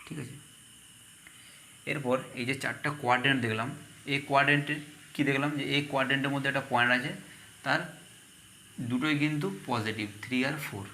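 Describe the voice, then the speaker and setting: Man, bright voice, math lesson, asks then answers, faint noise behind. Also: medium pitch, fairly even intonation, fast talker, pauses often. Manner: asks questions then answers them himself. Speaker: math teacher.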